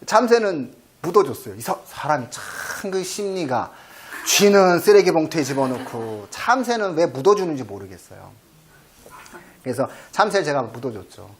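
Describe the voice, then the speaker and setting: A man's voice: on the high side, normal speed, slight background noise. A middle-aged man hosting an education channel, talking casually and acting out his own lines with gusto. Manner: lively storyteller, acts out his own lines to cats. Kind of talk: casual explanatory talk.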